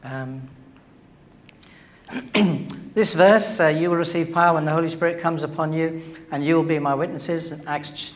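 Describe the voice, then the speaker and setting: A man preaching in church, his voice sitting a little higher than most men's. He talks to the congregation in a loose, chatty way, with plenty of ums and direct questions. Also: steady tone, normal speed, long pauses, slight background noise. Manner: conversational, with many fillers and questions to the congregation. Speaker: pastor. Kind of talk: sermon.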